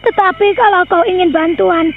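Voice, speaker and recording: A woman's voice: extremely high pitch, fairly even intonation, normal speed, slight background noise. An actress playing a feisty old village grandmother in a radio drama, coaxing and then sharply indignant. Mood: placating. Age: older. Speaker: grandmother figure. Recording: dull lo-fi radio audio with faint music.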